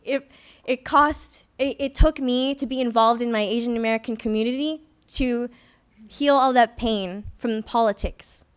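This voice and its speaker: In a smooth, higher voice with a steady tone and moderate pace, the young Filipina activist speaks earnestly at a conference. Her first-person testimony is reflective, touched with wry, self-deprecating humor, delivered in a conference hall.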